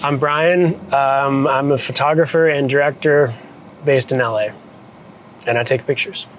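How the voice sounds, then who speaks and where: Being interviewed about his work, this New England photographer and director speaks informally, reflecting casually and thoughtfully. His mid-range voice moves a little slowly with fairly even intonation, and the poor audio has a little hiss or hum.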